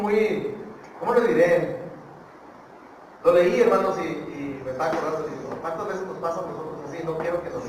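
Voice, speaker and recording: A man preaches emphatically, hammering his points through repetition. His fairly high voice rings through a very echoey church hall. It is picked up from a distance, with steady noise underneath. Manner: emphatic, repetitive, swings from quiet to loud. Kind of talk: sermon.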